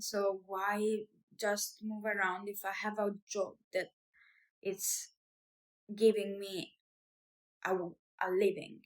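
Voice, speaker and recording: An Italian woman in her thirties, a business owner, speaks English as a second language with an Italian accent in her own vlog, casual and hesitant, full of fillers and restarts. Her voice is mid-range, and the audio is poor.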